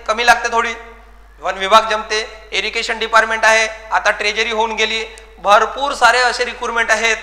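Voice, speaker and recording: A man's voice: very high-pitched, sharp tone. A man gives a motivational talk to exam students as a coaching class teacher, earnest and repetitive, calling them friends. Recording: echoey room with long reverb.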